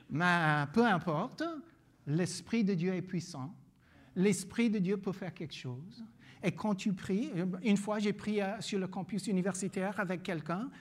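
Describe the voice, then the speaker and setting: A man from Louisiana with an American accent, a pastor whose first language is English, preaching earnestly, repeating words and pausing with fillers. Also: high-pitched. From Louisiana, United States. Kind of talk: sermon with personal story.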